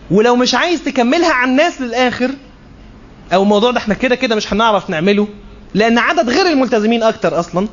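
A male preacher with an Egyptian Arabic accent talks in a high voice at a rapid clip, slipping into short acted-out exchanges as he makes his point. The recording is slightly dull, with a faint hiss behind it. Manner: animated, acts out quick dialogues. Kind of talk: colloquial religious talk.

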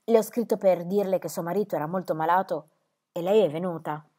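A woman voicing calm young Molly. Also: fairly low pitch, brisk, lightly acted. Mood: gentle.

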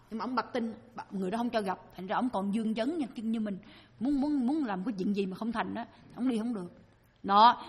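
A woman with a Southern Vietnamese accent tells a dharma story, slipping into the voices of her characters as she goes. Her voice sits fairly high and sounds breathy. It rings out with a long hall reverb. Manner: lively storyteller, acting out the people she quotes. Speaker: Buddhist dharma speaker.

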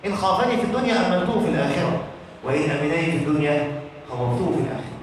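With an Egyptian Arabic accent, a religious teacher gives an emphatic lesson in a colloquial preaching style, posing questions to listeners and answering them himself. His voice is a little high, animated, and very fast. It's recorded from far off in an echoey hall with slight background noise.

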